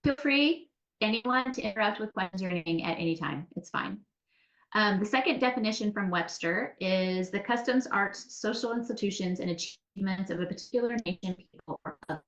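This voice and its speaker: A woman's voice: mid-range voice, fairly quick, a bit bright, highs cut off. A woman presenting a webinar over a video call, her audio stuttering and cutting out from a weak internet connection. She talks chattily and repeats words. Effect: choppy, stuttering internet audio from a weak connection. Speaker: conference coordinator presenting a webinar. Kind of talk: presenting to a teacher audience. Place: at home near her Wi-Fi.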